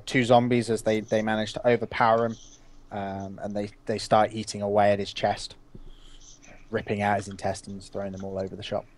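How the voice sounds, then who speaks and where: A man narrating as game master of a tabletop game, pausing often with uh and um. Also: lowish voice. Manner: halting, lots of uh and um.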